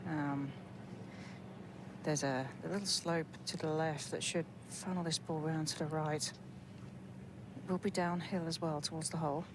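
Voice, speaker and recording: A woman's voice: low-pitched, fairly even intonation, measured pace. A woman giving live golf commentary, explaining shots and situations conversationally as she thinks aloud. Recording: outdoor ambience noise behind voice.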